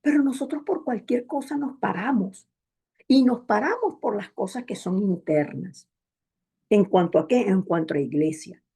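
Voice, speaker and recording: A woman's voice: medium pitch, lively intonation, normal speed, mellow, husky. A woman preacher delivering a Sunday sermon in a church, with an emphatic, repetitive cadence, often addressing the congregation as brethren. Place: church in Montreal.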